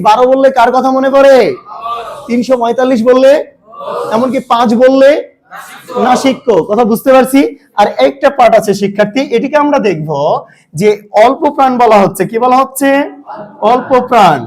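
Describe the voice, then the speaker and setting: A man teaching a grammar lesson, asking his students questions and answering them himself. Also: very high voice.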